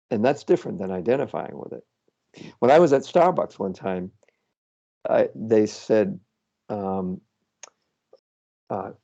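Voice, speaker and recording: A man speaks slowly and patiently, coaching someone through self-inquiry and thinking aloud as he goes. His voice is low, dark and gravelly. The sound comes through a muffled, lo-fi video call. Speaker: facilitator guiding self-inquiry.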